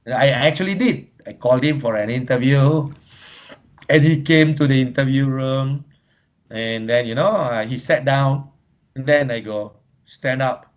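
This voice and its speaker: A man's voice: medium pitch, a little slow. A man with a Malaysian English accent presenting a workshop, telling humorous anecdotes and slipping in Malay phrases. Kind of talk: lively teaching talk.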